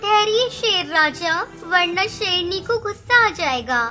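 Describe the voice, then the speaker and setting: With music playing behind her, a woman uses a very high, animated, pushed and bright full character voice, speaking slowly. She voices a clever, bold little mother bird in a children's cartoon story, emphatic, scolding, bold and insistent.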